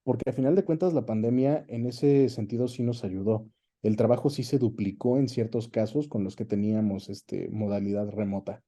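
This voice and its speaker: Being interviewed, a Mexican man who works as a voice actor and dubbing director talks at a moderate pace in a lowish, dark voice that stays fairly even. He keeps things casual and conversational, regularly tossing in short tag questions.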